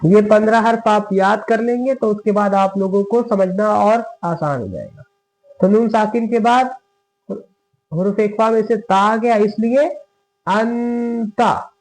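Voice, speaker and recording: Slow, high-voiced male Quran teacher. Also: darkish tone, rough recording. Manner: patient, repeats points with frequent "theek hai". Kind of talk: slow spoken lesson with recitation examples.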